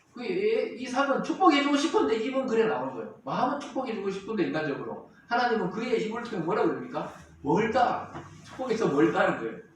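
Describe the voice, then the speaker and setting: A male pastor preaching a Sunday sermon with lively call-and-response, reading scripture aloud to the congregation and explaining it. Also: sits high, slight background noise. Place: church sanctuary. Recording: roomy church hall, mic at a distance.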